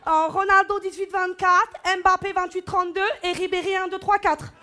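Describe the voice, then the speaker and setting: A woman's voice: extremely high pitch, fairly even intonation, normal speed, sharp tone. A woman doing stand-up comedy on a large stage, brash and teasing the audience. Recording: live show with music and crowd. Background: music and audience laughter.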